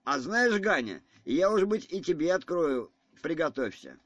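A man putting on a loud excitable old general. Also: fairly high pitch, a little slow, dry recording, pitched above the performer's own voice, heavily acted. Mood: insistent. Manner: excitable, insistent. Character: agitated pushy elderly general, man.

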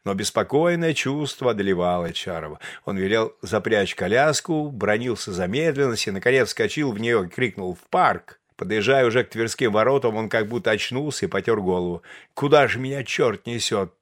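Male narrator, audiobook, classic novel, measured storytelling, very lively intonation. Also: fairly low pitch.

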